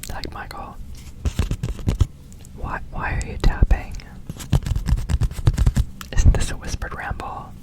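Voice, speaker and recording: A man hosting ASMR in a breathy, unvoiced whisper, rambling casually and repeating words in rhythmic runs. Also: takes it slowly, pauses often, poor audio. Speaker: ASMR video host.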